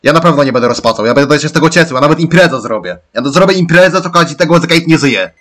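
A man commentating over a video game playthrough. He rants excitably and shouts at the characters on screen. His voice sits slightly high. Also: racing. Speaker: let's play gamer. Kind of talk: gameplay commentary.

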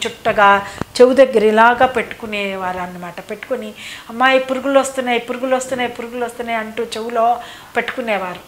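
A woman's voice: on the high side, a bit bright, slight background noise. A woman recounting memories in a rambling, repetitive storytelling way, often circling back over her phrases. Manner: rambling, repeats phrases, fills with "annamaata". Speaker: devotee recounting memories of a saint. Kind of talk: reminiscing oral storytelling. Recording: echoey room.

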